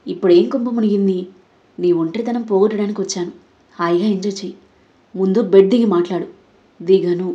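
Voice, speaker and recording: A woman's voice: medium pitch, fairly even intonation, brisk, long pauses, dark tone, natural voice. Casting note: an arrogant young villain read by a woman for an audio story, lo-fi sound. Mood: pushy. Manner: brash and pushy. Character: arrogant, lecherous young man.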